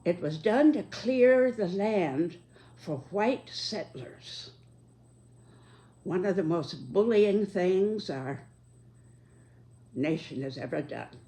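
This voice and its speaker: A very old American woman in her nineties speaks in a low register with a slow, careful pace. She pauses often as she reflects aloud, choosing her words deliberately in a measured, halting elderly delivery. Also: animated, dark tone. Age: 90s, very old. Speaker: speaker giving personal reflections. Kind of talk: reflective monologue.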